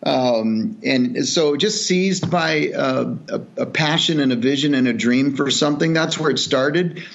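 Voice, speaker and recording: A middle-aged Salvadoran man, a charity executive appearing as a podcast guest, tells his story in a relaxed interview. His mid-range, creaky voice moves at a measured pace with hardly any pauses, and the audio is lo-fi. He's earnest and reflective, full of fillers and restarts.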